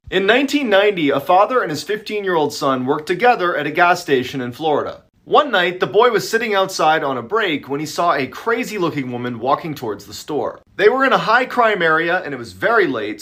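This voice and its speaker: A man narrating a true crime story with suspense, dropping low on ominous lines. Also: fairly bright tone.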